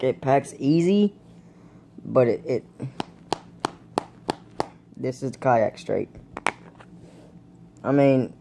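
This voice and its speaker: A young man with a dark, mellow voice talks slowly and loosely to the camera, rambling and calling out to his viewers, hiccuping now and then. A faint room hum sits behind him. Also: medium pitch, vocal fry. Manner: laid-back, rambling, addresses viewers as guys. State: has the hiccups. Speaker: vlogger reviewing dip tobacco. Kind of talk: casual vlog chat. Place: indoors at home, camera propped on a blanket.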